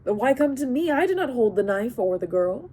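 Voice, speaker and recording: A woman voicing a calm, cunning male king and counselor who speaks in a measured, wry way. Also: on the high side, slightly rough, voice pushed up.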